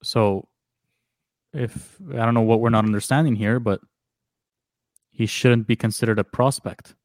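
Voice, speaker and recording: A man co-hosting a sports podcast in casual chat, sometimes reading text aloud in a flat, measured way. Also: fairly low pitch, no room sound, clean studio sound. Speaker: podcast co-host.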